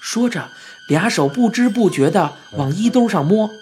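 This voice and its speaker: A storyteller with a Beijing-flavored accent narrating a children's audiobook in a lively, expressive first-person telling. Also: medium pitch, normal speed, faint music behind. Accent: Beijing-flavored Mandarin.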